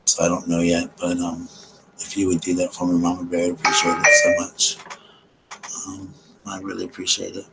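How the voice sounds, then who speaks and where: A deep, low-voiced man from South Carolina hosts a late-night live chat stream, talking softly in an ASMR style. He speaks low, slow, and monotone with a creaky voice and many ums, greeting viewers tenderly over heavy background noise.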